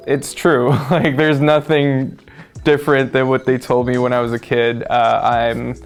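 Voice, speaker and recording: A man from the Philippines, a creative director, talking to camera in a relaxed, halting way. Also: mid-range voice, gravelly. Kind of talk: casual talk to camera.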